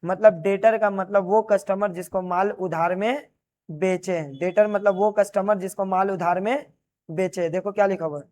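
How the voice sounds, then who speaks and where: A man's voice: sits high, steady tone, normal speed, darkish tone. A man gives a classroom lecture on commerce. He turns each key term into a question and answers it at once, and keeps explaining as he writes on a board. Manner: repeats key terms as questions and answers them; explains while writing on a board. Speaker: commerce teacher.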